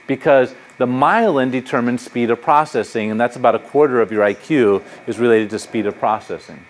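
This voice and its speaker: Brisk and mid-range in voice, a middle-aged psychology professor lectures to the public in a university hall. He tells anecdotes, speaks conversationally, gestures plenty, and answers questions from the audience.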